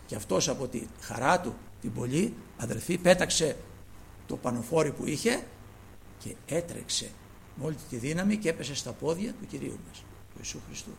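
A man preaching a sermon, addressing his listeners as brothers and moving between quiet asides and loud emphasis. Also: on the high side, gravelly, a little hiss or hum, poor audio.

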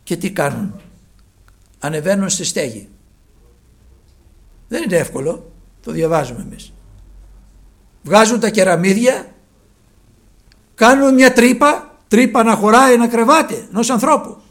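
A man preaching a sermon with fervour, his phrases often sinking to a hushed, low close. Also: animated, long pauses.

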